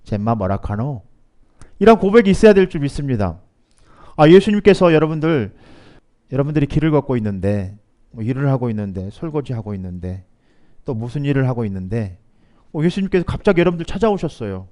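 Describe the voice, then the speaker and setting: A man preaching a Sunday sermon as pastor, moving between quiet asides and loud, emphatic rises, and calling on the congregation to repeat lines aloud. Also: mid-range voice, expressive, fast talker.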